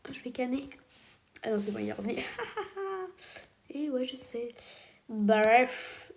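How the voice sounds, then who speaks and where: Woman, gaming commentary, chatty and excitable, fairly high voice, sudden hushed whispers. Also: slow pace. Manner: excitable and chatty, with squealing exclamations; often drops to a hushed whisper. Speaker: Roblox player. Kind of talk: casual gameplay commentary.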